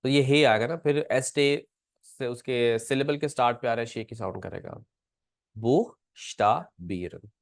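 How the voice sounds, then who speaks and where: A man's voice: mid-range voice, creaky, smooth, dry recording. Patient male teacher, dry close sound. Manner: patient, explains slowly and repeats words aloud. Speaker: language teacher. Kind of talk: classroom pronunciation lesson.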